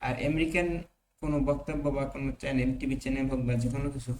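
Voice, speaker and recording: A young man teaches an online Arabic class at an ordinary pitch. He reads each Arabic phrase slowly, then explains it step by step, pausing and hesitating as he speaks to his students. A faint hiss sits under his voice. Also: steady tone, darkish tone, low-quality recording.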